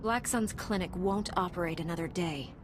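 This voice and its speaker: A woman's voice: lowish voice, moderate pace, noisy background, close to an everyday voice. A woman playing a resolute, principled knight in a video game, formal and composed. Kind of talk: scripted video game dialogue.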